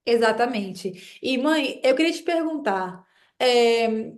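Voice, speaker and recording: Young woman host who stutters; gentle questioning tone, voice on the high side. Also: expressive, slow pace. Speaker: host and interviewer. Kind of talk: interview conversation.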